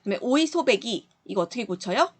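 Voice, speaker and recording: A woman's voice: a little high, animated, fast talker, slightly rough. A woman teacher walking students through exercises in a recorded online lesson, patient and explanatory, often checking in with the class. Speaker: middle school Korean teacher.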